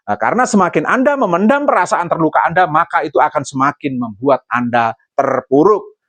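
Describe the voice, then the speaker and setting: A male pastor with a Javanese accent preaching a sermon, lively and joking, slipping into Javanese asides. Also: a little high, a little fast, no echo. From Central Java, Indonesia.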